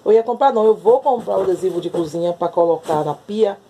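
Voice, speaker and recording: A woman's voice: medium pitch, fast, slight background noise. Chatty Brazilian woman vlogging at home. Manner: chatty, animated, coos and baby-talks to her cat. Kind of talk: casual home vlog. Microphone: phone camera.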